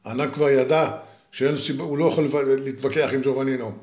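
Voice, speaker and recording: An older man, a grandfather, telling a story to his grandchildren slowly and with repetition. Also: mid-range voice, darkish tone, roomy sound, lo-fi sound. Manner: slow, deliberate, with repetition.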